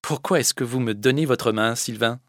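A man reads an audiobook at medium pitch and a moderate pace, close to his everyday voice, recorded clean in a studio with no room sound. He plays a stern, commanding young village girl who scolds firmly before turning gentle.

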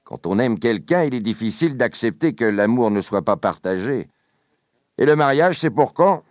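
A man's voice: mid-range voice, animated, normal speed, dry recording, clean studio sound, pitched above the performer's own voice, lightly acted. A man voicing a spiteful, scheming man who feigns sympathy with a hateful undertone. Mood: sly.

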